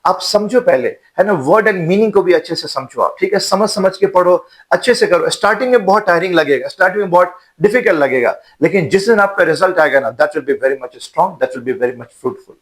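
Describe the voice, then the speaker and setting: A man, a psychiatrist answering interview questions in a calm, mentoring way and often adding tag questions to check in with the listener. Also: sits high, normal speed, few pauses. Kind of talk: advice-giving interview answers.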